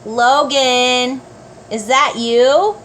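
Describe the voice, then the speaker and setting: Grandma reading a kids story, high voice, takes it slow, chats to the little ones, bit of background noise. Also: female voice. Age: older. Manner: grandmotherly, slow and expressive, addressing small children. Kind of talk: read-aloud storytelling with asides to children.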